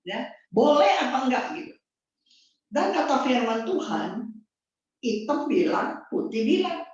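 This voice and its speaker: Female preacher, middle-aged, slow and blunt, far from the mic in a dull, boomy hall. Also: big pitch swings. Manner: emphatic and blunt, repeats key phrases. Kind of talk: sermon. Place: church hall. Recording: distant, dull, very echoey room.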